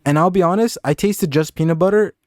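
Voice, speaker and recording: A young man giving a casual, deadpan review of candies, with sarcastic jokes and scores out of ten. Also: sits high, brisk, no room sound. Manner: deadpan, sarcastic, jokey asides. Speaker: candy reviewer. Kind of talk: casual comedic review vlog.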